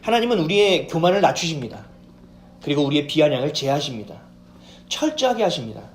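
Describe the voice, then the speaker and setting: A male pastor preaching a sermon in an animated way, putting questions to the congregation. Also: a little high, quick pace, a little hiss or hum. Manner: animated preaching, acts out quoted voices, asks congregation questions. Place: church sanctuary. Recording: echoey church hall with faint ambience.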